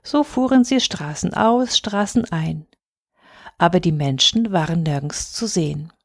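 A woman reading a fairy tale aloud in a calm, expressive way, sometimes dropping to a hush. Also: on the low side, unhurried, no room sound, studio quality. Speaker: storyteller.

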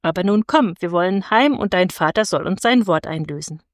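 A woman's voice: on the low side, animated, fairly quick, no room sound, close to an everyday voice. Cheery young farmer guy in a storybook, woman reads him, dry close sound. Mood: cheerful.

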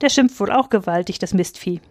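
A bullying estate steward sneers and taunts, as a woman reading aloud gives him a voice. His scornful questions come in a medium-pitched, dry voice. It is a plain storybook reading with no room sound. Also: a little fast, a little mellow, no echo, close to an everyday voice. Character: mocking, domineering male estate steward.

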